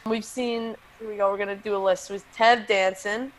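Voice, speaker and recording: A woman's voice: mid-range voice, steady tone, moderate pace, rough recording. A woman in her twenties co-hosting a casual chat podcast, talking in a loose, filler-heavy way and laughing often. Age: 20s. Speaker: podcast co-host.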